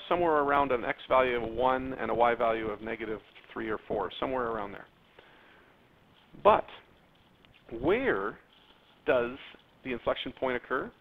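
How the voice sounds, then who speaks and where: Lively male math teacher, tinny recording. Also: medium pitch. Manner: lively, stretches words, spikes up on key terms; addresses students directly. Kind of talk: classroom lesson recording. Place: classroom. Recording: tinny lo-fi phone-like classroom recording, faint noise.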